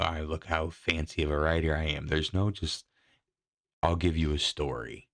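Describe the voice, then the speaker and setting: A man with a very low, gravelly voice rants casually about horror films. He talks in a profane, rambling, exasperated way. The sound is dry and close. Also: no room sound. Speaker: podcast host. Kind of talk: casual ranting commentary.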